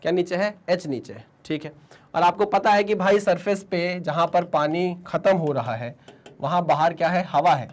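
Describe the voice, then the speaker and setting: A man's voice: high-pitched, moderate pace. A man with a sore throat teaching physics in a Hindi-English mix, asking questions and answering them himself, with Indian-accented English. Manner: Hinglish call-and-response teaching, answers his own questions. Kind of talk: online exam-prep lecture.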